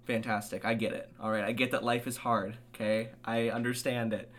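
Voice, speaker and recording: A young man co-hosting a casual podcast chat, ranting with animated, laughing delivery. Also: fairly low pitch, fairly quick. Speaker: podcast co-host.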